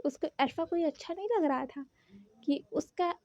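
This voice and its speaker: A woman narrating a fan-fiction story in a steady, unhurried way. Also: high voice, no room sound, lo-fi sound.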